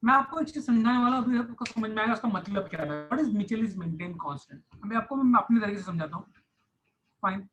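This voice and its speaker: In an online science lecture, a man with a high, fairly bright voice explains things step by step, returning to key phrases and slipping English words into Hindi. There's slight background noise and the recording is rough.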